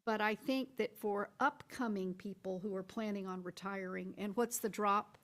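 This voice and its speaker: A woman's voice: medium pitch, fairly even intonation, moderate pace. A woman school board member at a public workshop, laying out her point at length through step-by-step hypothetical examples with frequent restarts. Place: board meeting room.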